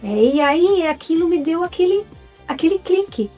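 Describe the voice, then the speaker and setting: Here the same kind of guest, a woman in her fifties and an actress with a Brazilian Portuguese accent, chats lively in a casual interview at normal speed. Her voice is very high-pitched, and she now and then turns to address the audience as "gente," with faint music in the background.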